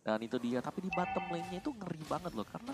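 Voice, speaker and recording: A man's voice: a little high, very animated, rapid-fire. A man with an Indonesian accent giving analytical live esports commentary, mixing in English gaming jargon. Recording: music playing behind the voice.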